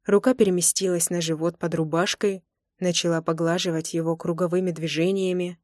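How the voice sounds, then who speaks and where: A woman narrates a first-person romance audiobook. Her voice sits a little low, and her reading is intimate and expressive. The sound is dry and close, with no room around it. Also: brisk, no echo.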